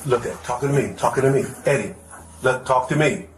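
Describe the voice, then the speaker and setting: A male police officer negotiating calmly, repeating the same pleas over and over inside a building. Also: medium pitch, brisk. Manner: calm, insistent, repeats pleas. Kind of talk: crisis negotiation. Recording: echoey body camera audio with background noise.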